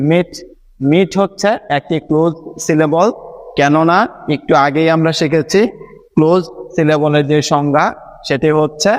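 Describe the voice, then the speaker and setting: A man with a Bangladeshi accent teaching an English lesson in a slightly raised voice. He spells words out letter by letter and repeats them slowly and patiently for his students. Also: on the high side. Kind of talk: online lesson.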